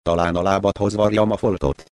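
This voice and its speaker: A man's voice: low voice, steady tone, darkish tone, slight background noise, natural voice. A man reading the lines of a grumpy old shoemaker who grumbles curtly. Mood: gruff. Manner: grumbling, curt. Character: grumpy old male shoemaker, gruff but not cruel.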